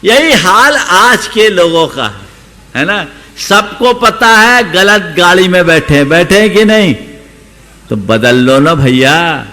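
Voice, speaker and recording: A man's voice: high-pitched, big pitch swings, slow pace, sharp tone, long reverb tail, soft background music. A man, a Jain monk, giving an emphatic, exhorting sermon that rises sharply for stress.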